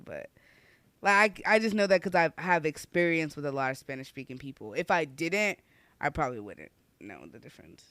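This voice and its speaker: A man on a casual podcast, rambling along with plenty of "like" fillers. His voice is smooth and clear, a touch higher than most, and the sound is dry and close. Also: lively intonation, a little fast, bright, forceful tone, dry recording. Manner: rambling, many "like" fillers, laughs a lot. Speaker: podcast co-host. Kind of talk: casual chat.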